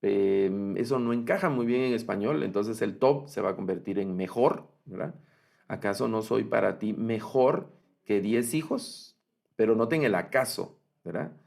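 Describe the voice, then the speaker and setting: A man gives an online lesson on Biblical Hebrew in a low, gravelly voice. He explains patiently, repeats his points and checks in with his listeners. He reads the Hebrew phrases slowly and with emphasis. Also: a little mellow. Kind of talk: online lecture with screen sharing.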